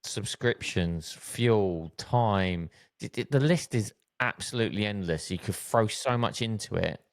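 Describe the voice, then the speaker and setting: Earnest low-voiced male podcast co-host. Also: no echo. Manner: earnest, emphatic, repeats key points. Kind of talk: casual podcast chat.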